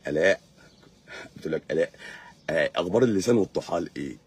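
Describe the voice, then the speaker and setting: A doctor with an Egyptian Arabic accent hosts a casual live stream, lecturing in a sarcastic, mocking monologue. His voice is deep, a bit mellow and husky, and he talks in an animated, quick way.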